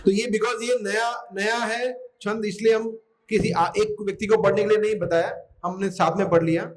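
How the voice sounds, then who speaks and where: A man's voice: high-pitched, steady tone, moderate pace, rough recording. A man teaching Sanskrit verse recitation in an online class, patiently drilling pronunciation syllable by syllable and slipping English words into his explanations.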